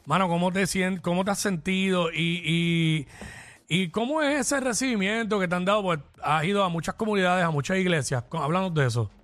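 A man's voice: sits high, brisk, fairly bright tone, dry recording. A man hosting a radio interview, chatty and curious, often restarting his sentences. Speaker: radio host.

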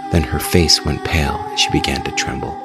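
A man with an extremely deep, gravelly voice narrates a scripted horror tale in a measured, ominous way. He hosts the show, and music plays under his voice. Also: steady tone. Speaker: horror story podcast host and narrator.

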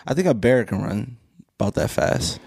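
A man's voice: medium pitch, expressive, normal speed, creaky, a little mellow, breathy edge, dry recording, studio quality. A man co-hosting a casual podcast, trading joking, profane banter. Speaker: podcast co-host.

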